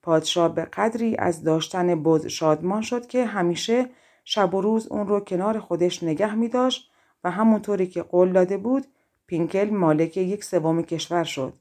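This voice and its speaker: A woman narrates a fairy-tale audiobook with calm, even storytelling. Her voice sits low and sounds warm and mellow.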